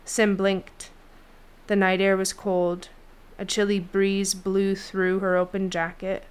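A woman narrating a fantasy novel chapter in a steady storytelling read. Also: medium pitch, slow, clear, resonant tone. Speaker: audiobook narrator. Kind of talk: scripted fiction narration.

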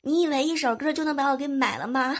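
A young woman hosts a casual podcast, reading listener messages with a playful, teasing, coy delivery. Her voice sits a little high, and her cold and sore throat come through. Faint music plays quietly underneath. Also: fast talker. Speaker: podcast host.

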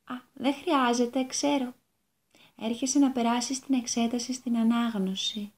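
A woman voicing a calm, serious holy boy who examines a pupil, speaking softly and slowly with quiet authority in a children's story. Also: on the high side, voice pushed up, close to an everyday voice. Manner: soft, slow and calmly authoritative.

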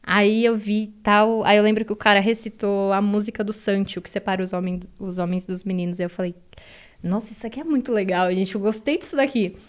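A woman's voice: medium pitch, fairly even intonation, a little fast, clean tone. A young woman, a poet guest telling stories in a casual podcast chat, animatedly quoting herself.

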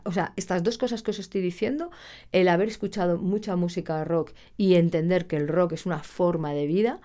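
Brief: woman singing coach, slightly low pitch, animated and playful. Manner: animated, acts out students and shouts, laughs often. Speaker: singing teacher. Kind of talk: casual video lesson.

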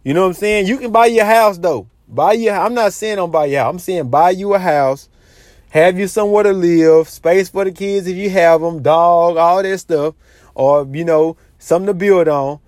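Brief: man with a high voice, recorded close and dry, casually and repetitively lecturing about money. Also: moderate pace, a little mellow, no room sound. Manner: repetitive, lecturing, says "you know what I'm saying" a lot. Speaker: money advice vlogger. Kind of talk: casual advice monologue.

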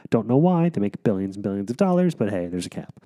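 A man's voice: fairly low pitch, sing-song, fast, warm tone. A man co-hosting a casual chat, playfully argumentative, explaining things at length with frequent ums and restarts.

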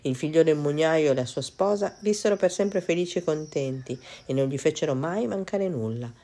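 A woman reads a children's fairy tale aloud with a notably low voice. Her storytelling is expressive and measured, shaping each scene with care. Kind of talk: storybook narration.

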